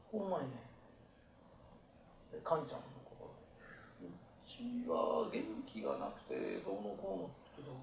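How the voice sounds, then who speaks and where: A man giving life advice to a small group in blunt, rough, colloquial talk. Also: high voice, reverberant, muffled recording, a little hiss or hum.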